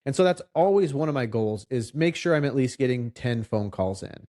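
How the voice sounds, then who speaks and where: A man speaking at an ordinary pitch in a casual podcast conversation. He explains things conversationally, acting out little example lines as he goes. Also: animated, fairly quick, dark tone. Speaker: loan officer, podcast co-host.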